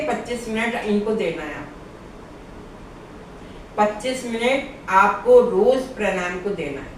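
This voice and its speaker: A woman's voice: mid-range voice, slight background noise. A woman yoga instructor patiently guiding viewers step by step through breathing exercises. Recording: very echoey room, far from mic.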